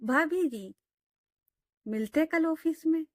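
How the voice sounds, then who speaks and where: A woman's voice: on the high side, normal speed, darkish tone, no echo, studio quality, lightly acted. A woman voicing a playful young woman who teases her friends in breezy, casual slang.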